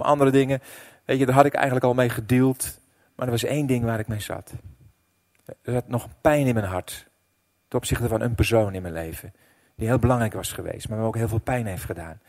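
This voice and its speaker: A middle-aged man preaching a sermon as pastor, telling a personal story with emotion, dropping to a hush and then rising loud. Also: mid-range voice. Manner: emotional storytelling, swinging between hushed and loud.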